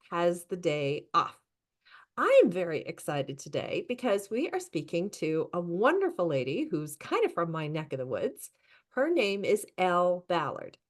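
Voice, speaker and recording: A woman hosting a podcast interview, introducing her guest with enthusiasm. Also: on the low side. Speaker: podcast host.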